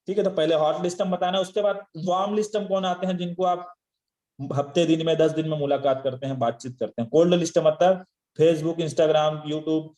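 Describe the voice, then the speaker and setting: A man's voice: high voice, a little mellow. A man giving a motivational training talk to sales recruits, firing off rhetorical questions and scolding his listeners, with chuckling asides. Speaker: network marketing trainer. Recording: echoey room.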